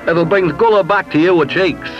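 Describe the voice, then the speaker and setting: Fields: Figure: beaming cheerful character in a cartoon, played by a man. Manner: friendly, bright. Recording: dull, lo-fi, with music. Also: high-pitched, moderate pace, pitched above the performer's own voice, lightly acted. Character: cheerful beaming male dragon.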